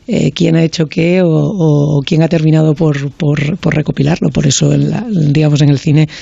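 Gravelly, mellow-voiced man musing aloud. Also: a little high, little pitch movement, normal speed, no room sound, muffled recording. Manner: hesitant, repeats words while searching for phrasing. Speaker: screenwriter, panelist. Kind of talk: casual radio discussion.

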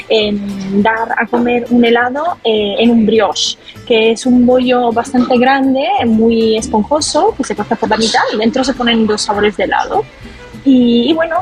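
A woman with an Italian accent answers on a radio show in Spanish. Her voice sits a touch high, and she talks in a friendly way, stumbling and restarting as she goes. Faint music plays behind her. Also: low-quality recording. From Sicily, Italy. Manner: friendly, many restarts and fillers. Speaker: guest, ice cream shop owner. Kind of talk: radio interview.

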